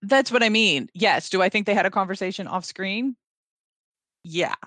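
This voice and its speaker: Lively, quick-talking podcast co-host. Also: mid-range voice, dry recording. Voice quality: animated, quick, acts out quoted lines with laughter. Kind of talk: casual podcast discussion.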